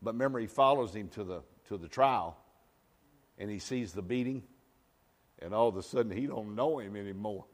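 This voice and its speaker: A male pastor delivering a sermon, repeating phrases and swinging between hushed and loud, sometimes joking with the congregation. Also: on the low side, moderate pace. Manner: jokes with the congregation. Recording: long hall reverb.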